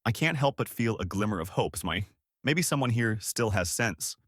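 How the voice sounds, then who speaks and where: A man's voice: fairly low pitch, expressive, normal speed, no room sound, studio quality. A man narrating a first-person story in a wry, sarcastic scripted style.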